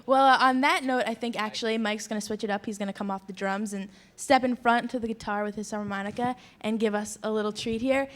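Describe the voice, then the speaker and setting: A young woman hosting a live college studio show, interviewing a band briskly and laughing easily. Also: fairly high pitch, fairly even intonation. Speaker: host of a student studio show.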